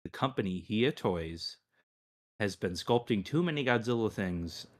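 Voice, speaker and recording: A man co-hosting a casual live-stream chat, rambling and restarting his sentences, often trailing off quietly. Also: lowish voice, animated, unhurried. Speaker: co-host.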